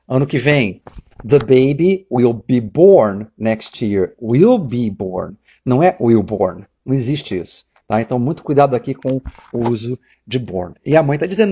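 A Brazilian man with a Brazilian Portuguese accent, teaching English grammar from film clips, who repeats the English phrases slowly and deliberately. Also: mid-range voice, animated, dark tone, slightly rough.

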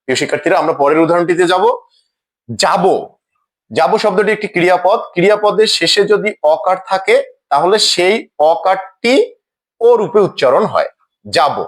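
A teacher talks through a grammar lesson at a slow, deliberate pace. His voice sits high for a man. He says each example word twice, as if reading from a script.

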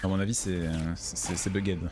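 A man's voice: low-pitched, flat delivery, fairly quick, over music. A tired man streaming a game from home, chatting with his viewers and tripping over his words. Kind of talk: casual gameplay commentary.

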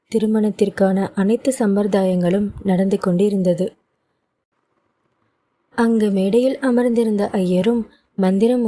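A woman narrating a romantic audio novel in a steady, measured way. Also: medium pitch, no room sound. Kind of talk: scripted story narration.

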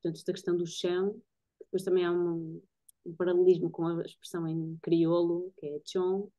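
A woman in her thirties, a guest photographer and artist with a European Portuguese accent, casually explains her own work while searching for words. Her fairly low voice is brisk, flat, and dark-toned. She's on a video call from a bedroom-living room at home, and the computer mic gives dull, lo-fi audio.

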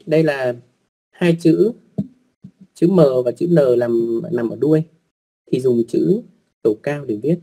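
This online language teacher is a man whose mid-range voice sounds dark and gravelly, with some huskiness. He explains writing rules to his virtual class patiently and unhurriedly, with repetition, filler words, and courteous side remarks to the students.

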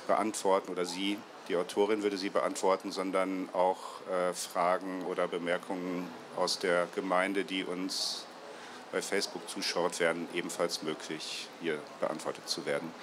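A low-voiced man in his fifties, a publisher's marketing head, moderates a book talk on a trade fair stage before a seated audience, using a handheld mic. His tone is level but he's halting, with many fillers and restarts, and the background is noisy.

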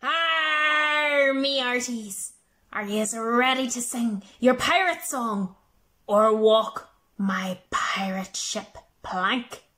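A woman voicing a gruff pirate captain who growls at the crew and then drops to a hush. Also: on the high side, extremely slow, pitched below the performer's own voice, heavily acted. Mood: playful menace.

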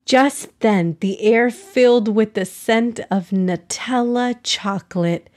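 A woman narrating a children's story in an expressive read-aloud style as podcast host. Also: a little high, takes it slowly.

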